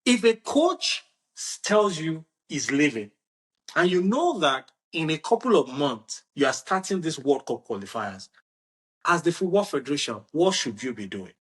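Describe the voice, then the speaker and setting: A man hosting a casual football discussion, animated and restarting his sentences often. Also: fairly high pitch, moderate pace. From Nigeria. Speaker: podcast host.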